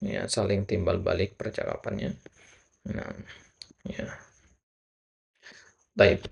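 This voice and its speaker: A man teaching an Arabic conversation class with a low, gravelly voice. He explains step by step and keeps dropping a short "ya" between phrases. He models each phrase slowly before moving on. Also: little pitch movement. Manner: fills pauses with frequent "ya". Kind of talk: conversation lesson.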